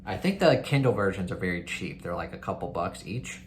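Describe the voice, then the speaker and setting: With a deep, animated voice and a slightly fast pace, a man hosting a readalong as a book reviewer talks casually and eagerly to viewers, recommending books in a conversational way. Slight background noise can be heard.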